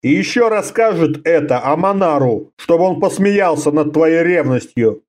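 A man voicing a gruff, blustering old one-eyed warrior who is drunk and slurring. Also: fairly high pitch, expressive, normal speed, close to an everyday voice. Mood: grumbling. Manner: blustering, loud.

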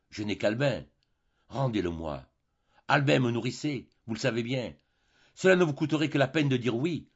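A man's voice: mid-range voice, breathy edge, muffled recording. Desperate imprisoned man, as a male reader puts him on. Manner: pleading, earnest. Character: desperate male prisoner, pleading then violent.

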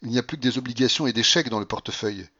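A man's voice: mid-range voice, rapid-fire, sharp tone, breathy edge, voice pushed up. A man reading an audiobook voices a polite, cautious young tutor reasoning with his employer. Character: young male tutor, dutiful and wary. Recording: muffled lo-fi recording.

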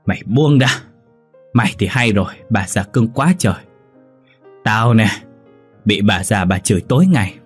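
Một người đàn ông giọng khàn, giọng miền Nam, lồng tiếng một gã trai trẻ say xỉn, lè nhè và ngang ngược. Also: male voice, lowish voice, lively intonation, moderate pace, long pauses, husky, soft background music. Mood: belligerent. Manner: slurred, defiant shouting. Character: drunk, belligerent young man, slurring.

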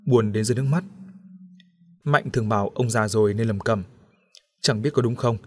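A male voice reads a story aloud for an audiobook, his delivery steady and even. His pitch sits right in the middle of a typical man's range. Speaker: audiobook narrator. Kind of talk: scripted story narration.

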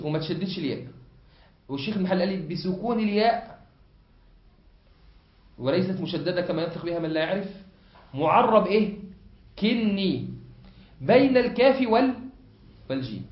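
In a classroom lesson, an Egyptian-accented sheikh with a fairly high voice repeats his points and keeps asking the class to fill in words. His voice echoes around a hall in a muffled, lo-fi recording.

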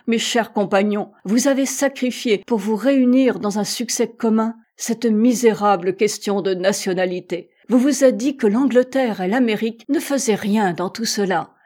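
A woman reading an audiobook voices a kindly, emotional male ship's doctor who speaks with effusive, tearful warmth. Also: mid-range voice, close to an everyday voice.

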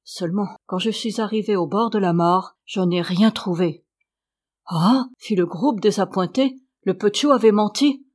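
A woman's voice: medium pitch, a little slow, darkish tone. A woman narrating a classic novel as an audiobook, lifting her voice for the villagers' lines.

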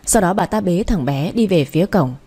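A woman narrates a first-person audio story with emotional, dramatic storytelling. Her voice is mellow and warm, with soft edges. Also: fairly low pitch, lively intonation, moderate pace, slightly rough.

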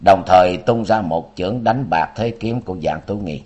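Deep-voiced male audiobook narrator. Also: moderate pace, darkish tone. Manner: dramatic storytelling. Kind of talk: audiobook narration of a martial-arts novel.

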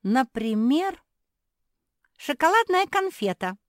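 An eager young pug girl, as a woman puts her on chatters in a high, bright storybook voice. She blurts her words out quickly, with a lively, bouncing tone. The sound is close and dry. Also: no echo. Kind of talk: storybook character voice.

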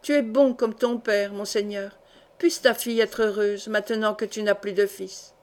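A woman's voice: medium pitch, fairly even intonation, moderate pace, natural voice. A woman reading the part of a devout, kindly older peasant woman in an earnest, fervent tone.

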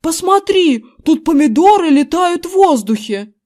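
A woman voicing a panicky middle-aged man in an audiobook, yelling frantically. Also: animated, takes it slowly. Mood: frantic. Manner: yelling, frantic, high-strung. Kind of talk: audiobook character voice.

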